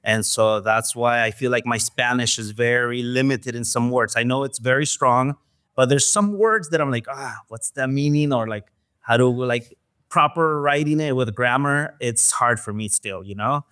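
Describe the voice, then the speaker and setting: Soft-spoken hesitant man, smooth voice. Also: medium pitch, normal speed, dry recording, clean studio sound. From Mexico. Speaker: guest, restaurant owner. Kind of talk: casual interview talk.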